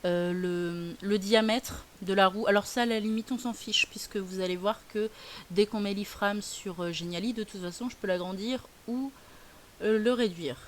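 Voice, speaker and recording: A woman explaining a software tutorial as a teacher, chatty and hesitant with many fillers. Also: mid-range voice, steady tone, moderate pace. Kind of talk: screen-recorded tutorial. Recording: faint hiss.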